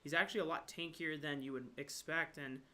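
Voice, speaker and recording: A man giving live esports play-by-play and analysis as a caster, getting excited and jumping up in pitch when something surprising happens. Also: fairly quick, heavy background noise. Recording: brief connection dropouts.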